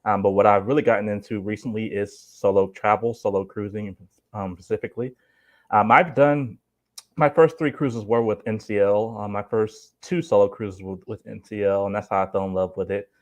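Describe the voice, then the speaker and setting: A man's voice: lowish voice, fairly even intonation, normal speed. A man talking casually as a travel guest, explaining his tips in an informal way. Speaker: guest, solo cruise traveler. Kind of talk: casual chat.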